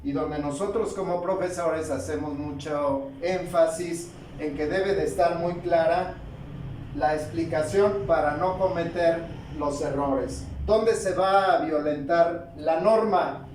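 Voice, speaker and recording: A man teaching a spoken grammar lesson, slow and deliberate, asking questions and answering them himself. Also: on the high side, a little mellow, distant mic, a little hiss or hum. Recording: echoey room, voice from off-mic.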